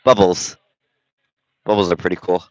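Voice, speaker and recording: Deep and steady at a normal speed, this man's voice comes through muffled but without echo. Nasal from a cold, he chats and thinks aloud while running the camera and offering casual play-by-play as a volunteer at a basketball game in a school gym.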